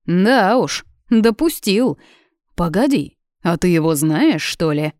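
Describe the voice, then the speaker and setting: A woman voicing a gruff, protective middle-aged father who grills his daughter's boyfriend over the phone. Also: on the low side, expressive, slow pace, a little mellow, dry recording, clean studio sound. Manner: blustering, protective, interrogating.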